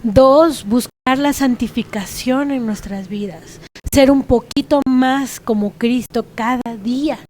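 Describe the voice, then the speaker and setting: A woman's voice: a little high, takes it slowly, darkish tone, a little hiss or hum. Earnest Mexican woman giving testimony. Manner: earnest, frank, laughs at herself. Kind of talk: conversational church testimony.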